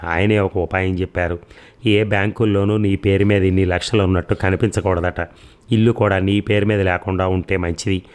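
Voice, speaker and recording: Sly, greedy younger brother, read by a deep-voiced man. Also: natural voice. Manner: sly, persuasive.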